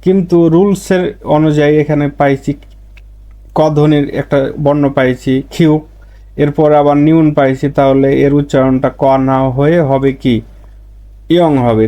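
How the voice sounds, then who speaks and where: A man teaching Korean pronunciation rules, speaking slowly and repeating each example word with stress. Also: a little high, dark tone. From Bangladesh. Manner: slow, repetitive, stresses example words.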